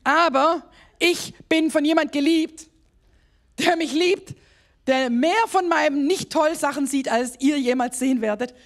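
A woman's voice: high-pitched, a little slow. A woman pastor with a German accent preaching a sermon, emphatic and exclaiming, laughing at herself at times.

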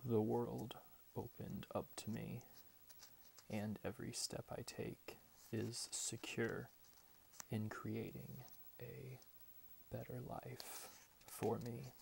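Young man, whispered ASMR pep talk, hushed and deliberate, long pauses, heavy vocal fry, very slow, close-up bedroom recording. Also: medium pitch, little pitch movement, slight background noise, low-quality recording. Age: 20s. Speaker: ASMR creator reading positive affirmations. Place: small bedroom at home, indoors.

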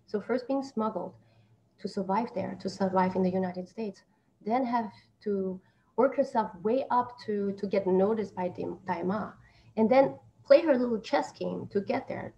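This woman, an actress in her thirties born in Taiwan and raised in Austria, has a warm, medium-pitched voice with vocal fry. She gives conversational interview answers on a video call from a small plain room, where the computer mic cuts off the highs and picks up background noise.

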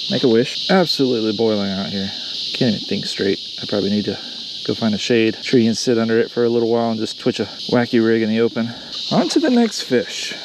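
A kayak bass angler with a Southern US accent and a voice on the low side chats casually to his phone camera while fishing from his kayak on a lake. He rambles and pokes fun at himself. The outdoor phone recording is full of loud insect noise and outdoor ambience.

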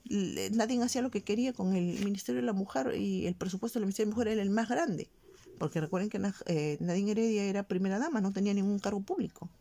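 A woman's voice: medium pitch, quick pace, gravelly, dark tone. A woman from Peru with a Peruvian Spanish accent, giving casual commentary as a vlogger, indignant and emphatic, repeating points for stress. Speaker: shopping vlogger. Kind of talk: casual commentary on current events.

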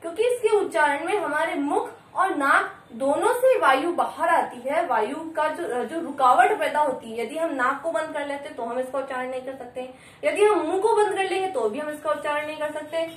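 A woman's voice: high voice, normal speed. A woman teaching a grammar lesson to children, asking questions and answering them herself. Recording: echoey room, mic at a distance.

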